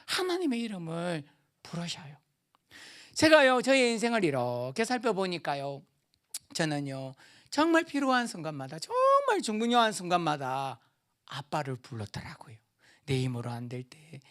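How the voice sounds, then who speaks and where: A male pastor preaching a sermon, often asking the congregation questions, with sudden loud rises and soft drops. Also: a little high.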